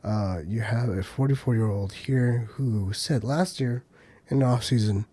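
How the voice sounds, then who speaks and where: A podcast host with a medium-pitched, warm voice and a breathy edge talks unhurriedly through the week's news. It's loose, casual solo commentary, full of ums and uhs.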